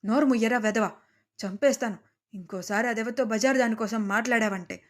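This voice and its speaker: A woman voicing an enraged older father-in-law who scolds and shouts. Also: fairly high pitch, a little fast, close to an everyday voice. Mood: furious. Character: furious older father-in-law, quick to hit.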